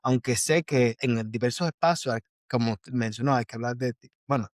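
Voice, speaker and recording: A man's voice: mid-range voice, moderate pace, dry recording, clean studio sound. A man hosting a conversational interview podcast, speaking hesitantly with frequent restarts and effusive thanks. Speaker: podcast host.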